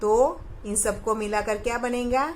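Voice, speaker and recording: A woman's voice: on the high side, a little slow, a little hiss or hum, rough recording. A woman teaching a recorded primary school lesson, patiently asking questions and answering them herself for the children.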